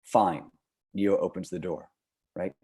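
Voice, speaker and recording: A man's voice: low-pitched, a little slow, darkish tone. A man lecturing on screenwriting, explaining with fillers and frequent "right?".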